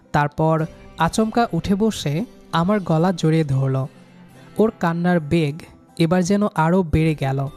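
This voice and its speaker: A man tells a love story about himself, his voice a little high with a darkish tone. Background music accompanies his dramatic narration, which is earnest and full of feeling.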